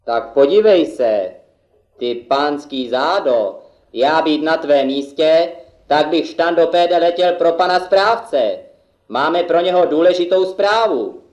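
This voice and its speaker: Puppet-play peasant played by a man: blunt, defiant, highish voice, dull recording. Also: expressive, darkish tone, roomy sound, lightly acted. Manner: blunt, folksy. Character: Jíra, plain-spoken, defiant peasant fellow.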